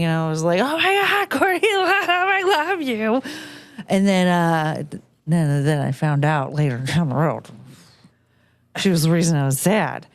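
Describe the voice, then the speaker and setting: A woman in her thirties, casually chatting on a late-night show and telling an animated, ranting story. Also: fairly low pitch, dry recording. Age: 30s.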